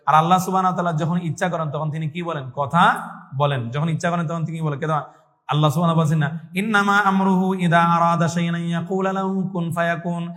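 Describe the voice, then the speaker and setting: A male Islamic teacher delivers a religious lesson in a somewhat high voice, posing questions and answering them himself. He repeats key points and chants Arabic verses. A long reverb trails behind his voice. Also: a bit bright. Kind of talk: religious lesson in call-and-response.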